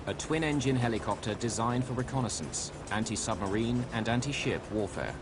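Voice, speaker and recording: A man's voice: medium pitch, animated, fairly quick, noisy background. A man reading dramatic scripted documentary narration as a voice-over. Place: voice-over recording. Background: music.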